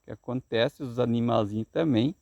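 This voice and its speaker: Gravelly older gaúcho grandfather spinning a tale. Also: medium pitch, normal speed, warm tone, dry recording, clean studio sound. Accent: Southern Brazilian (gaúcho). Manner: folksy, earnest, insisting it is true. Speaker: grandfather storyteller. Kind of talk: telling a tall tale.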